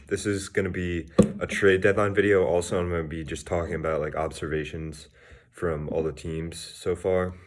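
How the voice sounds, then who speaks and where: A young man in his late teens hosting a casual sports vlog, talking in a loose, rambling way and a little out of breath. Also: very deep voice. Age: young adult. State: slightly out of breath. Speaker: sports video host.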